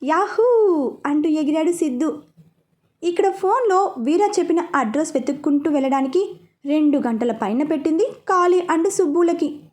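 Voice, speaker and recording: A woman reading a romance serial aloud as a storyteller, in a steady narrating manner. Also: high-pitched, normal speed.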